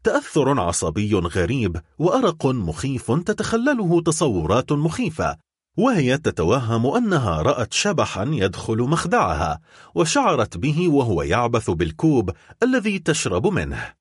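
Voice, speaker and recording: A man's voice: mid-range voice, wildly swooping pitch, moderate pace, slightly rough, no echo, clean studio sound. A man reading an audiobook, voicing a grieving young noblewoman in love with a pleading, anguished manner. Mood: sorrowful.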